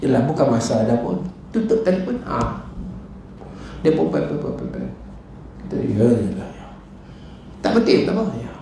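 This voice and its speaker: A middle-aged man with a Malaysian Malay accent, preaching in a lively mosque talk that jumps up and down in pitch as he acts out his stories. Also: moderate pace, vocal fry, long pauses. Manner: animated storytelling, acts out his wife and callers. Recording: echoey hall with faint noise.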